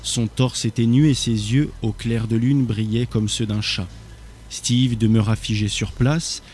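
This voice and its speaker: A man reading a thriller aloud as narrator, steady with small slips. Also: medium pitch, unhurried.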